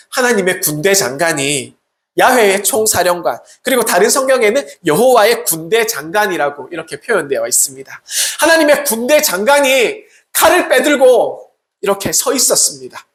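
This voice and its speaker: Sermon, animated pitch, rhetorical questions, acted-out quotes, echoey sanctuary. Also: normal speed. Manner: rhetorical questions, acts out quoted prayers and replies. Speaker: Salvation Army officer preaching. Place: church sanctuary. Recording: echoey church room.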